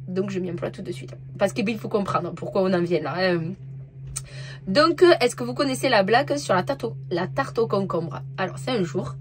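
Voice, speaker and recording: A woman's voice: medium pitch, normal speed, a little hiss or hum. A woman winegrower, chatting in a hesitant way with lots of fillers while outdoors in a vineyard. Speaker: winegrower vlogger. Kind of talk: casual vlog chat.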